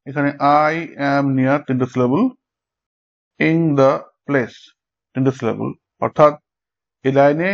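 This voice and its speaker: A man teaching a lesson, explaining step by step and pausing to check that his students follow. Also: medium pitch. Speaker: English teacher. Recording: dull lo-fi sound.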